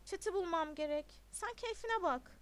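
A woman reading a storybook, voicing a careless young woman who answers offhandedly and loudly. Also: very high voice, normal speed, pitched above the performer's own voice. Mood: offhand. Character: careless young party girl, breezy.

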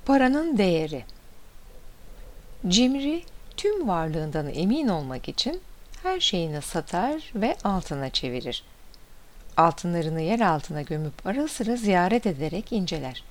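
A woman reading short fables and wise sayings aloud in a steady, expressive manner. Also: on the low side, a little slow. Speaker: storyteller.

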